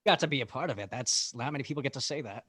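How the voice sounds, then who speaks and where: A man's voice: mid-range voice, racing, music in the background. A man co-hosting a podcast, eagerly giving his opinions in casual chat with many fillers. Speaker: podcast co-host.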